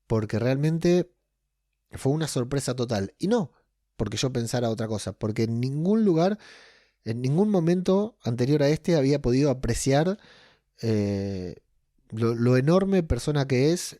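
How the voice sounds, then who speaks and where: A man with an Argentine Spanish accent and a mellow, mid-range voice rambles casually like a podcast host, full of fillers and restarts. It's a personal monologue recorded with clean studio sound and no room echo.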